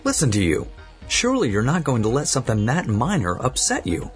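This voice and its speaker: A man playing a doting researcher husband who speaks gently and a little hesitantly, with faint music underneath. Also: medium pitch, wildly swooping pitch, brisk. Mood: coaxing.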